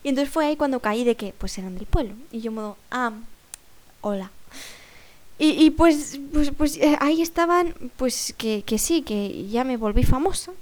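A woman's voice: high-pitched, expressive, normal speed, hardly any pauses, a little mellow. A young woman telling a casual story, rambling and self-mocking, with many fillers and restarts. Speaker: vlogger.

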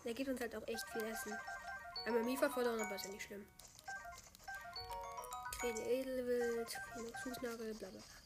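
A woman giving casual gameplay commentary, chatting along, swinging between loud outbursts and quiet mutters. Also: fairly high pitch, steady tone, moderate pace, pauses often, over loud music. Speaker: gamer.

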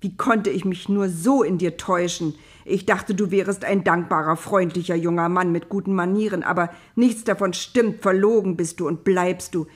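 In this audio storybook, an angry and powerful master shouts threats and scolding, as a woman reading puts him on. The voice sits fairly low and is pushed loud and harsh. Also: fairly even intonation, normal speed, hardly any pauses, breathy edge. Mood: furious. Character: furious powerful Egyptian master, grown man.

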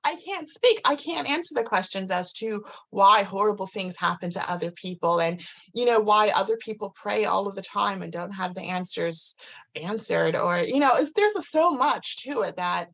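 Gravelly, husky-voiced woman telling a story. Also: medium pitch, normal speed. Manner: animated, many "like"s and restarts, acts out quotes. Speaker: guest. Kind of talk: casual storytelling in conversation.

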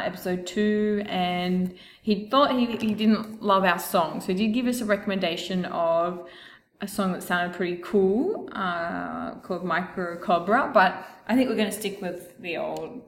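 A woman co-hosting a podcast in relaxed, casual chat, recorded in an echoey room. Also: fairly low pitch, unhurried, slight background noise. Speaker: podcast co-host.

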